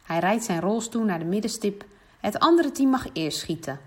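A woman reads a children's story aloud in an even storytelling voice. She jumps up high and loud whenever the children in the tale call out. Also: normal speed, slightly rough. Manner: lively, voicing the children with bright high calls.

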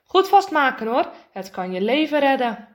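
A woman's voice: high voice, very animated, moderate pace. A woman reading a storybook, voicing a cheerful, caring father who reassures the boys. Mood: hearty. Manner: hearty, reassuring.

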